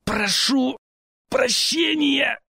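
A man voicing an arrogant young male dark-mage student who yells and howls when pinned down. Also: very high voice, big pitch swings, slow pace, no echo, clean studio sound, voice pushed up, full character voice. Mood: pained, giving in. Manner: yelling, howling in pain.

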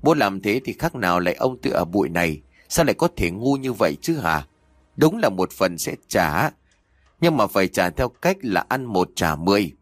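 A man's voice: lowish voice, sing-song, moderate pace, no echo. A man voicing a hot-tempered middle-aged gang boss who curses and scolds his underling. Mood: scornful. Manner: cursing, scolding, bossy.

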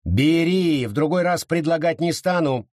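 A man's voice: on the high side, animated, a little mellow, dry recording, clean studio sound, pitched above the performer's own voice, close to an everyday voice. A man voicing Abita, a menacing vengeful woman. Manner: slow, menacing, taunting delivery. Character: fierce vengeful young woman, cold and mocking.

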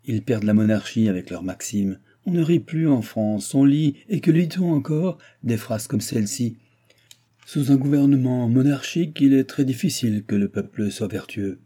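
A man voicing a grumbling old aristocratic baron who blusters and mocks, with loud outbursts, in an audiobook. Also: medium pitch, animated, normal speed, pitched above the performer's own voice, natural voice. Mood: scornful. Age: older. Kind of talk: audiobook character voice.

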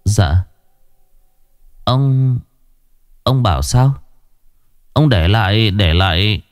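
A man's voice: on the low side, lively intonation, extremely slow, dry recording, studio quality. A man voicing a timid young male servant who stammers and pleads nervously to his master. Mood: stammering.

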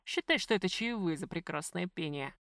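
Woman reading polite sober male gangster, even delivery, dry sound, audiobook. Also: lowish voice, a little fast, no echo. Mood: calm.

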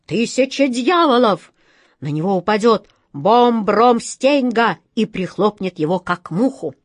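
In storybook fashion, a woman plays a greedy old fortune-teller who fawns, wails and slyly dwells on her predictions. Her voice is fairly high and pushed up, with lively intonation and a measured pace, captured as clean studio sound with no room tone.

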